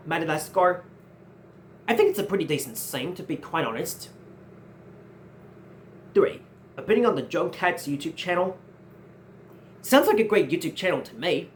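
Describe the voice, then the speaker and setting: A high-voiced nineteen-year-old man, nearly twenty, hosts his own channel with slight background noise. In this casual Q&A vlog he earnestly answers viewer questions, often repeating and restarting his phrases.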